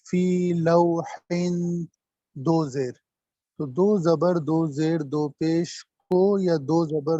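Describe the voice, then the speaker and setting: A man teaching Arabic grammar in an online lesson, speaking slowly and repeating each term and example. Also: on the high side, dark tone, dry recording. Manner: slow, repeats terms and drills examples. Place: online video call. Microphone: computer mic on a video call. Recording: dull, dry video-call audio.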